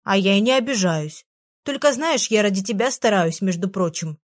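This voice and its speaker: A woman's voice: mid-range voice, animated, dry recording, clean studio sound, lightly acted. A woman voicing a tiny, proud, easily offended female fairy in an audiobook, speaking pertly. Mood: defensive. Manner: pert and proud, quick to take offence. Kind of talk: audiobook character voice.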